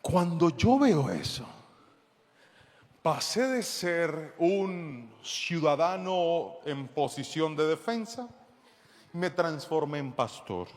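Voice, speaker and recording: A man preaching a sermon to a congregation, telling a story with lively reenacted dialogue and jokes with the audience. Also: on the high side, takes it slowly, a little hiss or hum. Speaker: pastor. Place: church hall before a congregation. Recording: long hall reverb.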